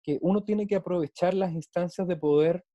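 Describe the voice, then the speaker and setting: A man's voice: sits high, brisk, warm tone, dry recording. A man in reflective casual conversation, speaking earnestly and at length, often doubling small linking words as he builds his thought.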